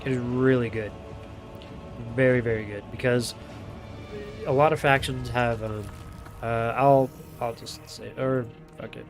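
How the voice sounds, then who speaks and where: A man casting a strategy game match in a loose, chatty streamer's manner, his voice nasal and stuffed up from closed sinuses. He has a mid-range voice and drops in casual swears. Music plays clearly behind him. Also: medium pitch, steady tone, unhurried. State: blocked sinuses. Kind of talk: casual play-by-play game commentary. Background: music playing.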